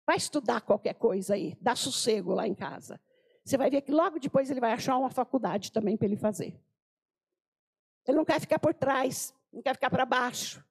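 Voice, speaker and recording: Her voice a little high, with vocal fry and a breathy edge, an older Brazilian woman delivers an informal sermon to women. She's animated, telling stories, exclaiming, and voicing the people she quotes.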